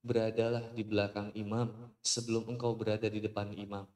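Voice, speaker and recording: A man's voice: on the low side, a little fast. A male preacher from West Java, giving a humorous live sermon and acting out the voices in his stories. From West Java, Indonesia. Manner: lively storyteller acting out voices. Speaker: Islamic preacher.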